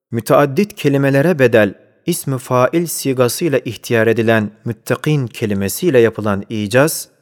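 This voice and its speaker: A man reading a scholarly religious commentary aloud, measured and deliberate, reciting Arabic phrases within the text. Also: mid-range voice. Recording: long hall reverb.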